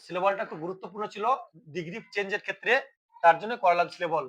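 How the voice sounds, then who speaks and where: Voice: medium pitch, fairly even intonation, rapid-fire, rough recording. A teacher giving a classroom grammar lesson, asking questions and then answering them, and spelling words letter by letter.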